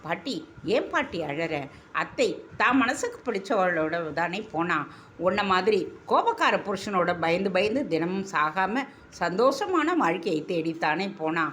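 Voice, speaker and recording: A woman voicing a gentle young woman who soothes and questions her grandmother. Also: mid-range voice, big pitch swings, unhurried, a little hiss or hum. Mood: soothing.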